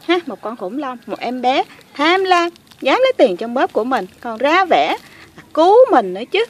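Whiny, weepy doll lady, voiced by a woman for a toy play video, high-pitched and dramatic. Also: big pitch swings, normal speed, breathy edge, exaggerated voice. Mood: huffy. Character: whiny pretty doll lady who cries.

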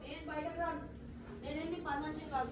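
Brief: defiant woman, very high pitch, echoey and distant. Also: flat delivery, fast talker, slight background noise. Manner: defiant, talking back. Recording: echoey, far from the mic, loud music.

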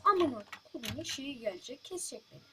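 Woman gamer, high voice, frustrated commentary, swearing at the game, keyboard clatter behind. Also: animated, fast talker. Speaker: gaming channel host. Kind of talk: let's play commentary. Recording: loud keyboard clicks and noise.

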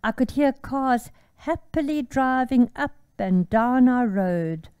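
An older woman, gently and earnestly leading a recorded devotion. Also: on the high side, expressive, takes it slowly, clean tone, dry recording. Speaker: devotion leader.

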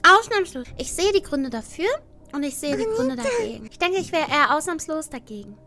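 Cute high-pitched woman streamer. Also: big pitch swings, brisk, a bit bright. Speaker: livestreamer, VTuber host. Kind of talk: casual livestream chat, reading out and answering quiz questions.

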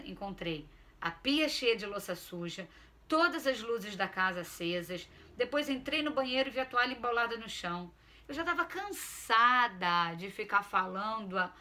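A woman author reading her own short story aloud in an expressive, weary first-person narrating manner. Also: a little high.

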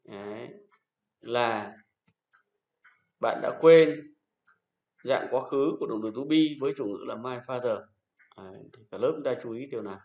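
A male teacher talks his class through grammar, slowly restating each rule and praising correct answers. His voice rings around a reverberant classroom. The recording sounds dull and lo-fi. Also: mid-range voice, a little mellow. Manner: patient, repeats rules and praises pupils. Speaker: English teacher. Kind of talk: classroom lesson. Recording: echoey room, dull lo-fi sound.

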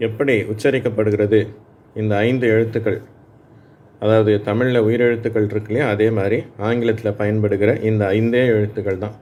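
Low-voiced patient male Tamil teacher. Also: darkish tone, a little hiss or hum. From Tamil Nadu, India. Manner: patient, reassuring, repeats points and asks "சரியா?". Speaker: English reading teacher. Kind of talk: slow spoken lesson for adult learners.

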